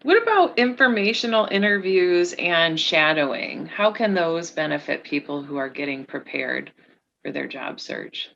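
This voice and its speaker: A woman's voice: sits low, big pitch swings, moderate pace, gravelly, a bit bright. A woman co-hosting, reading audience questions aloud in a brief, plain way. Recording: dull lo-fi sound with faint noise.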